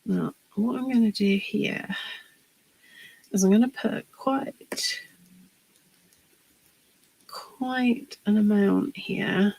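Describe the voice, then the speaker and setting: A woman's voice: mid-range voice, creaky, darkish tone, breathy edge, poor audio. A woman chatting to viewers in a live crafting demonstration, talking as she works. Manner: chatty and unhurried, talks while working.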